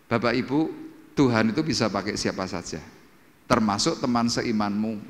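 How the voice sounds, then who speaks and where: A man with a Javanese accent preaching a sermon at a church service, telling stories with lively delivery and acting out the voices of people he quotes. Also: fairly low pitch, moderate pace. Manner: lively storytelling, acts out quoted voices loudly. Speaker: pastor. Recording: reverberant church hall.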